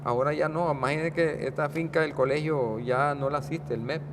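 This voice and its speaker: A man in his sixties from Guanacaste with a Guanacaste Costa Rican accent, a guest talking in a casual interview, rambling and halting with many restarts. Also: on the high side, fairly even intonation, background noise. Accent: Guanacaste Costa Rican Spanish. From Costa Rica, Guanacaste. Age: 60s.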